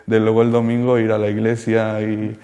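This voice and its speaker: A man from Colombia, giving a halting, soft-spoken personal testimony in an interview. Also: on the low side, completely flat delivery, long reverb tail. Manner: halting and soft-spoken, circling back with many restarts. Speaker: interviewee sharing a rehabilitation testimony.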